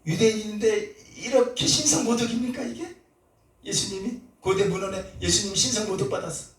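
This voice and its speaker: A middle-aged man preaching a sermon with passion, moving between soft talk and shouted cries. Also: high-pitched, brisk. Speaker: pastor. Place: church sanctuary. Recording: roomy church echo, from a distance.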